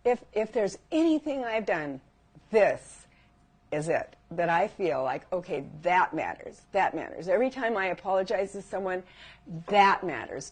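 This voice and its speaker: A middle-aged woman leads a live workshop, talking to the group in a chatty, personal way. She keeps turning to her listeners with questions. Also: medium pitch. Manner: warm, chatty, asks the audience questions. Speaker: workshop teacher.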